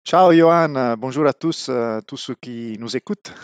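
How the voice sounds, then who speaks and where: Italian-accented man, hesitant and gravelly. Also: mid-range voice, unhurried, no room sound. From Italy. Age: middle-aged. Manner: hesitant, many fillers and restarts. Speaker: guest. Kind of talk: remote podcast interview.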